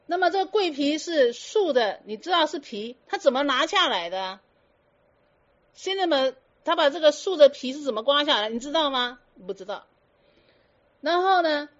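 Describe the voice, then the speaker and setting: A woman's voice: sits high, expressive, normal speed, highs cut off. A woman giving a Buddhist dharma talk to students, firing teasing rhetorical questions and slipping in English words. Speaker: Buddhist teacher.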